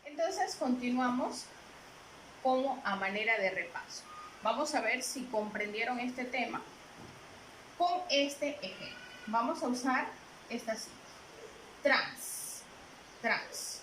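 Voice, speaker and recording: A woman teacher explains a lesson patiently, repeating herself and quizzing her listeners. Her voice is high and bright, and she speaks at an unhurried pace. The sound is roomy, with faint noise behind her. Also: lively intonation. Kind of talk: classroom lesson.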